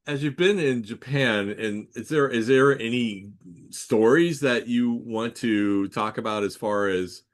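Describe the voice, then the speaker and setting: A man hosting a casual interview, telling stories at a measured pace with "um" and "uh" pauses. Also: medium pitch. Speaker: podcast host, also plays Santa.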